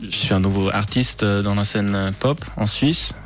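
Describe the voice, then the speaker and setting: A calm man giving a casual interview in halting French, slipping in words. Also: on the low side, soft background music. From Switzerland or Britain. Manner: hesitant, halting French with English words mixed in. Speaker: pop singer, interview guest.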